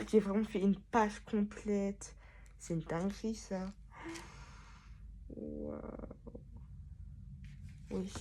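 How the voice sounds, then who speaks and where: Young woman, unhurried delivery, rambling and self-mocking, casual bedroom vlog. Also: medium pitch. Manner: rambling, self-mocking, loud sudden exclamations. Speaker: vlogger. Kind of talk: casual chat, reading old notebooks aloud.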